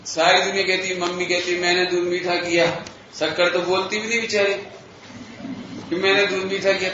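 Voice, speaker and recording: A man giving a philosophy lecture to a live audience, explaining slowly and deliberately, questioning his listeners in a playful, teasing way. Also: high voice, bright, forceful tone, slight background noise. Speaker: religious lecturer. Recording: echoey hall, slightly dull audio.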